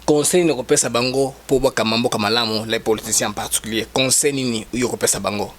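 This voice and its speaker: A man runs a loose, casual interview with a mid-pitched voice. He talks chattily, circling back to repeat and rephrase what he asks. Faint noise sits under his voice. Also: steady tone, fast talker, fairly bright tone.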